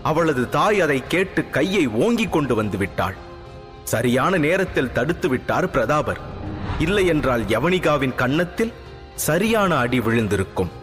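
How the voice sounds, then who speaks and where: A man narrating a story in a lively, animated scripted manner. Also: a little high, moderate pace. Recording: long hall reverb, faint music.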